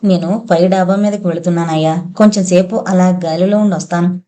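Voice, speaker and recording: A woman's voice: fairly low pitch, steady tone, fairly quick, dark tone, natural voice. Proud young heroine for a storybook reading, plain and slightly pleading, read by a woman. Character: proud young woman, headstrong but tender.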